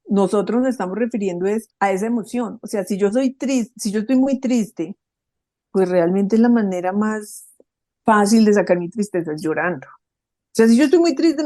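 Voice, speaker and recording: Warm, animated middle-aged woman. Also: medium pitch, moderate pace, no echo. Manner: animated, storytelling, emphatic. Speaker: podcast co-host. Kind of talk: casual conversational talk.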